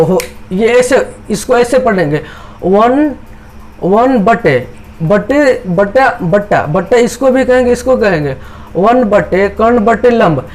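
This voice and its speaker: Man, maths teacher, high pitch, repetitive step-by-step explaining. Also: a little mellow, slight background noise. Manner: repetitive, explains step by step, voices students' doubts. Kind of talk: chalkboard maths lesson.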